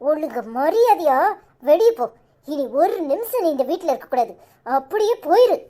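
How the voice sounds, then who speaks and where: A woman's voice: very high-pitched, very animated, moderate pace, mellow. A woman with a Kanyakumari Tamil accent voicing a distraught young wife who pleads and scolds in a cartoon. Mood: furious. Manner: pleading, then harsh scolding. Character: distraught young wife, fierce when angered. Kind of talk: cartoon voice acting.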